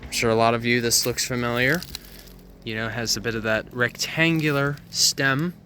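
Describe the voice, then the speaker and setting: A nature guide leads an educational walk-and-talk outdoors in a Florida hammock woodland, chatting about plants and cracking self-amused puns and asides at his own expense. His medium-pitched voice is sharp in tone, at normal speed with fairly even intonation. Faint music plays behind him.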